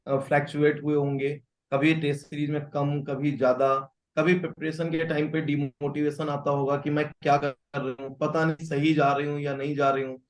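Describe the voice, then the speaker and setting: A man's voice: on the high side, little pitch movement, normal speed, few pauses, rough recording. A man, an educator interviewing a student with long, careful questions.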